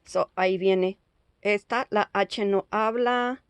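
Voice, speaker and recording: A woman teaching English letter sounds, repeating each sound slowly several times and giving the word's meaning. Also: medium pitch, fairly even intonation, clean tone, no room sound. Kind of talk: slow step-by-step lesson with sound drills.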